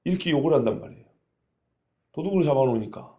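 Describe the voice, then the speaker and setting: A male pastor preaching a lively sermon, often putting questions to the congregation. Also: fairly high pitch, quick pace, phone-quality sound.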